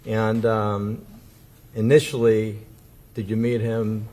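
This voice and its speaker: A man examining a witness as a defense attorney in court, with halting, deliberate questions and a husky voice. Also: fairly low pitch, little pitch movement, a little mellow.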